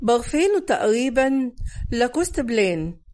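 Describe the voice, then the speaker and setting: A woman's voice: a little high, big pitch swings, normal speed, a little mellow. A woman voicing a smug, arrogant young male police lieutenant who talks in a provoking way, with an Egyptian accent.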